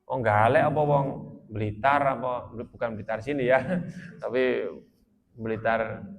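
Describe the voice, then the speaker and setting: A man's voice: medium pitch, fairly even intonation, slow. A man from Central Java with a Central Javanese accent, preaching in a chatty, joking way and asking the audience questions. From Magelang, Central Java. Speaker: Islamic preacher. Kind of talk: sermon to a village gathering.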